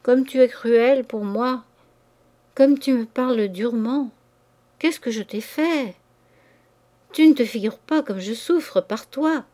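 A woman's voice: on the high side, a little slow, darkish tone, lightly acted. A woman reading as an anxious, pleading older mistress. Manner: plaintive and imploring.

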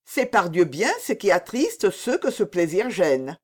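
A woman reading the part of an older queen mother who answers her son calmly and with gentle reproof. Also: on the low side, a little slow, slightly rough, heavily acted. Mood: reproving.

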